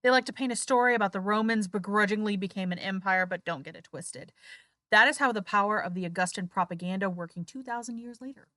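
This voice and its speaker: A woman's voice: mid-range voice, quick pace, hardly any pauses, bright, forceful tone, no room sound, clean studio sound. A woman co-hosting a history podcast, narrating with sarcastic, indignant asides. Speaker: podcast co-host. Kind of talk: casual history podcast chat.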